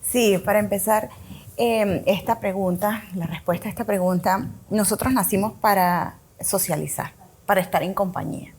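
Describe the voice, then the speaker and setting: A woman guest on a talk show who takes a question and starts answering in a measured way. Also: mid-range voice, a little mellow, slight background noise. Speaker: guest speaker. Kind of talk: casual talk show chat.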